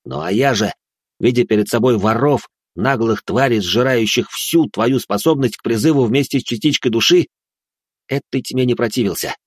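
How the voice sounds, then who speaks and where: A man narrating a first-person fantasy audiobook in a steady, dramatic reading style. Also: medium pitch, normal speed, husky, dry recording, studio quality.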